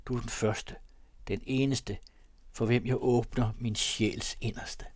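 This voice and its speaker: A man's voice: mid-range voice, fairly even intonation, dry recording, natural voice. A man reading an audiobook, voicing a melancholy young man haunted by dread, in a solemn, confiding tone. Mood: pleading. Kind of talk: audiobook reading of classic fiction.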